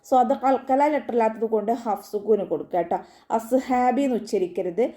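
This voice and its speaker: A woman's voice: mid-range voice, fast talker, dark tone. A woman teaching Quran recitation in an online lesson, explaining pronunciation patiently, step by step. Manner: patient, step-by-step instruction with frequent tag questions.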